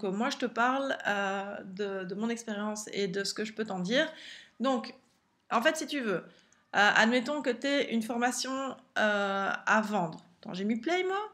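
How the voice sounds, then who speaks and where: A woman's voice: medium pitch, a bit bright. A woman with a French accent, an online business coach talking casually to camera in a chatty style, full of fillers and restarts. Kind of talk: casual direct-to-camera vlog.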